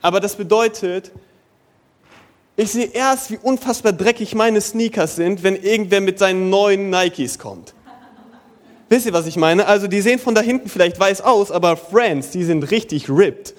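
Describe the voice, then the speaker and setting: High-voiced young man preaching casually. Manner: casual youthful preaching, mixing in English slang, shifting from lively to soft and slow. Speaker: pastor. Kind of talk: sermon.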